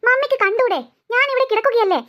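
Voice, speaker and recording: A woman's voice: very high-pitched, fast talker, muffled recording. A woman voicing a sulky, sly young girl in a cartoon who pretends to be ill and whines at her mother. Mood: whiny. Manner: whiny, sulky.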